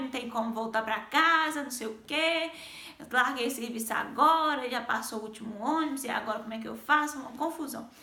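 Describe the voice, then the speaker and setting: A woman's voice: high-pitched, pushed and bright, reverberant. A woman with a Brazilian Portuguese accent sharing a devotional message and personal stories in a chatty way, talking straight to her viewers. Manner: chatty, keeps addressing viewers directly. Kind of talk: devotional vlog with personal storytelling.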